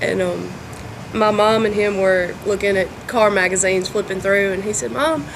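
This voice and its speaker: A young woman from Mississippi speaks in a bubbly way, laughing easily as she answers. There is clear background noise from air conditioning behind her voice. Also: mid-range voice, normal speed. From Mississippi, USA. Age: 20s. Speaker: podcast guest. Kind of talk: casual interview answers.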